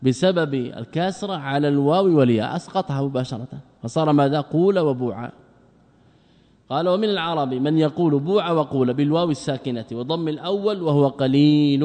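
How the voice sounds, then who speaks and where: A man's voice: mid-range voice, mellow, long reverb tail. A man teaching a classical Arabic grammar lesson, who keeps asking rhetorical questions, answers them himself, and repeats and draws out the example words.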